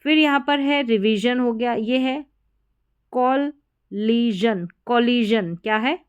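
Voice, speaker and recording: A woman's voice: on the high side, unhurried, clean tone, dull audio. A woman teaching English spelling rules in a Hindi lesson, patiently repeating each word several times.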